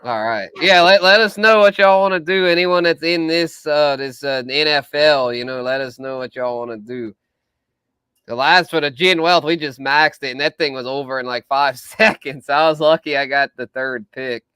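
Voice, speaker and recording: A man with a bright, crisp voice, fairly high for a man, chatting casually and laughing easily on a live stream. His voice sounds close and dry, with no room around it. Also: moderate pace, no echo. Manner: laid-back, slangy, laughs often. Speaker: podcast host.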